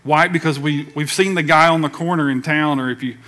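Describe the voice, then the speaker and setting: A man preaching with a somewhat high voice, pressing each point hard and asking the congregation to answer back. He mixes firm sermon lines with loose, offhand asides. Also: brisk, bright, forceful tone. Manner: emphatic, calls for congregation response; conversational with casual asides. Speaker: pastor.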